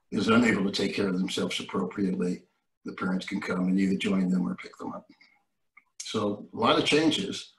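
A man in his seventies, explaining plans in a measured way on a panel over a video call from a home study. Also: sits low. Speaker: ski area owner on a panel. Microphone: laptop webcam, close. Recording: roomy distant laptop mic.

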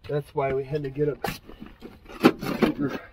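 A man's voice: mid-range voice, completely flat delivery, measured pace. A man on a building crew talking in a dry, matter-of-fact way while he works. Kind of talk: casual work chatter. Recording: loud noisy job site.

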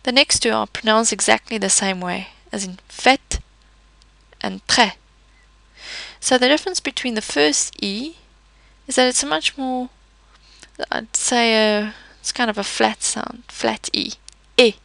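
A woman's voice: a little high, normal speed, vocal fry, fairly bright tone, no echo, rough recording. A woman teaching a pronunciation lesson, patiently explaining each letter with example words. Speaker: language teacher. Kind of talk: slow, careful pronunciation lesson.

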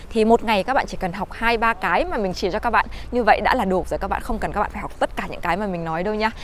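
A young woman from Vietnam teaching German in a casual vlog, chatting to viewers and slowing down to say each example sentence. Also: medium pitch, a little hiss or hum. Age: young adult. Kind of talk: casual language lesson vlog.

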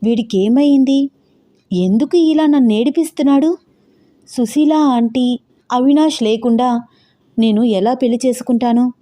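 A woman voicing an emotional, fiery young bride who fires off rapid, agitated questions. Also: fairly high pitch, warm tone, pitched above the performer's own voice, natural voice. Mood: upset.

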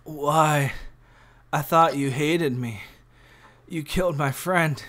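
A speaker voicing a weary young male streamer in a fan fiction read-aloud, talking with flat, detached apathy. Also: mid-range voice, slow pace, dry recording. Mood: hurt.

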